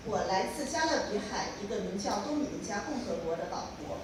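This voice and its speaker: A woman interpreting a formal speech in a measured, formal way. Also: mid-range voice, expressive. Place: large hall. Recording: echoey hall from far off, noise.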